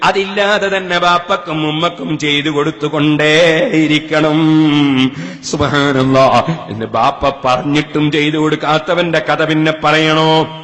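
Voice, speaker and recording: A man's voice: fairly high pitch, steady tone, measured pace, fairly bright tone, soft background music. A man preaching a sermon on a Quran chapter, in a melodic, chanting delivery full of rhetorical questions to his listeners. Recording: long hall reverb.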